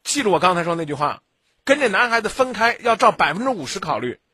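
A man's voice: high-pitched, very animated, quick pace, sharp tone, husky, dry recording, clean studio sound. A man hosting a late-night radio advice show, bluntly lecturing and scolding a caller. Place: radio studio.

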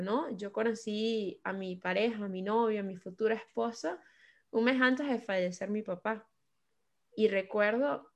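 A young woman speaks with a Venezuelan accent, telling her own life story to listeners. She is open and reflective, talking things through at a natural pace. Her voice sits at an ordinary middle pitch. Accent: Venezuelan Spanish.

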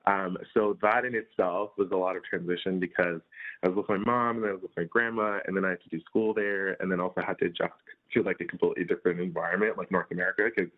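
A man from India in his early twenties answers interview questions as a guest in a low, steady voice at a quick pace. His replies ramble casually and are full of fillers, heard over phone-like remote call audio.

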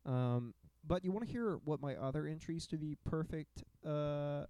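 A young man co-hosting a podcast, rambling and excitable in casual chat, swearing often. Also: a little high, normal speed, clear, resonant tone, no echo. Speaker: podcast co-host.

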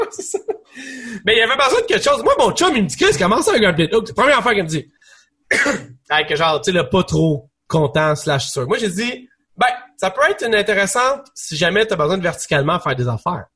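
Young quebec guy rambling about games, lots of restarts, bright husky voice. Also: high voice, fairly quick. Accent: Quebec French. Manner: animated, rambling, many restarts. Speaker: podcast co-host. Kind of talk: casual gaming chat.

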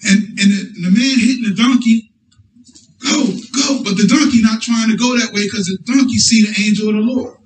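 High-voiced preacher in an echoey hall. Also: male voice, fast, a little hiss or hum. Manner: call-and-response, restarts often. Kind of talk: sermon. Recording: echoey hall, distant mic.

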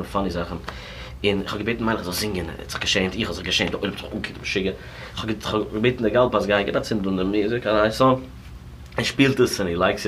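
A man's voice: lowish voice, a bit bright, slight background noise. A man telling a rambling personal story in a casual interview, jumping between languages and laughing often.

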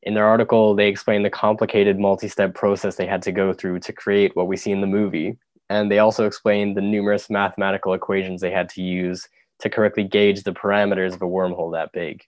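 A man's voice: fairly low pitch, little pitch movement, dry recording, close to an everyday voice. A man playing a scholar guest who explains the science in a scripted sketch. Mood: explaining. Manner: explanatory, measured.

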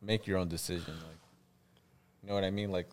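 Laid-back low-voiced young man hosting. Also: fairly quick. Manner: relaxed, laid-back, lots of fillers like "like". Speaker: podcast host. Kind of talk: casual late-night podcast chat.

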